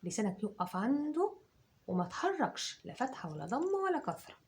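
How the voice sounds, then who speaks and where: An Egyptian woman teacher dictating words to children, patiently breaking them into drawn-out syllables and repeating them. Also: a little high, sing-song, a little mellow, slight background noise. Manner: slow, syllable by syllable, drawn-out sounds.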